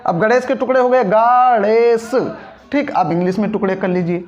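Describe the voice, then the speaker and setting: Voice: medium pitch, normal speed, soft background music. A teacher giving a step-by-step spelling lesson, patiently breaking words into syllables and checking that the class understood. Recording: dull lo-fi audio.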